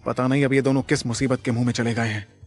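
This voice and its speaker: A man's voice: medium pitch, flat delivery, fast, close to an everyday voice. A man voicing a tense, protective young hero. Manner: urgent, shouting warnings. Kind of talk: audio drama acting.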